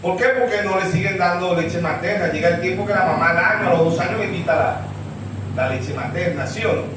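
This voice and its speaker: Venezuelan pastor guy preaching, high voice, far off in a super echoey church with faint room noise. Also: brisk. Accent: Venezuelan Spanish. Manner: rhetorical questions, asking "¿sí o no?" for replies. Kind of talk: sermon. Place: church hall. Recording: very echoey hall, voice far from mic.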